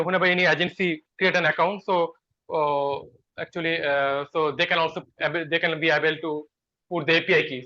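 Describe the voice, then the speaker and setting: Quick, bright-voiced man on a call. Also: on the high side. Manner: halting, many fillers and restarts. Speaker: software developer. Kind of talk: video call work meeting. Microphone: video call. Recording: dull lo-fi call audio.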